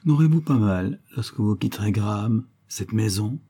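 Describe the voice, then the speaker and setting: Guy doing a clingy anxious little girl, pleading, raised pitch, husky under it. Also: animated, normal speed, mellow. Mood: plaintive. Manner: pleading, plaintive. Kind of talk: audiobook character voice.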